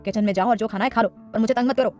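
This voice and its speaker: A woman's voice: on the high side, very fast, darkish tone, faint music behind, lightly acted. Woman voicing a curt, stern young man. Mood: irritated. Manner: curt, grumbling. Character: stern, irritable young husband.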